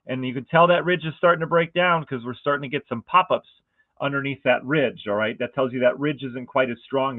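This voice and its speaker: Male forecaster, chatty and excitable, mid pitch, dry phone-like audio. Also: dry recording. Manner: enthusiastic, conversational, asks viewers rhetorical questions. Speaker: weather forecaster. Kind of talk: casual weather forecast walkthrough. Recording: dry, phone-like narrow band.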